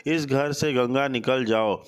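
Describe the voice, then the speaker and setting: A man's voice: medium pitch, measured pace, smooth, natural voice. A man reading out a stern village headman.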